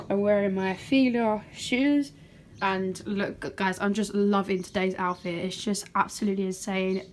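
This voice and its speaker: A woman with a British accent vlogging to camera in a gushing, excitable way, repeating words for emphasis. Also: mid-range voice. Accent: British English. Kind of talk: casual vlog to camera. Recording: noisy handheld vlog audio.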